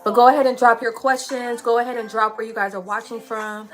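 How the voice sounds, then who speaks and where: A woman in her thirties hosting a casual live stream, greeting viewers, reading out their comments and clearing her throat often. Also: a little high, steady tone, quick pace, faint music behind. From California. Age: 30s.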